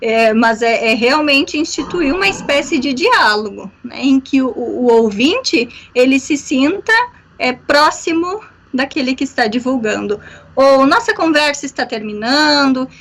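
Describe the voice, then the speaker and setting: A woman teaches a workshop over a video call. Her voice sits high, and she explains things patiently, dotting her sentences with fillers and a questioning "né?". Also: animated, unhurried, a bit bright, slightly rough. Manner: explanatory, many fillers, frequent "né?". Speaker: workshop instructor. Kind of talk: online workshop lecture.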